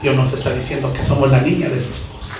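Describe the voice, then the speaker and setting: A man with a Mexican accent, a pastor preaching a fervent sermon that moves from quiet asides to shouted emphasis and questions to the congregation. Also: medium pitch, fairly even intonation, quick pace, background noise. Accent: Mexican Spanish. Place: church hall. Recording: echoey room from far off.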